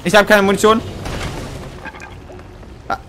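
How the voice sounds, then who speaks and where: A young man streaming a multiplayer game, chattering excitedly and urgently and often repeating his phrases. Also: high-pitched, a little slow, noisy background. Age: young adult. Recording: game sound behind the voice.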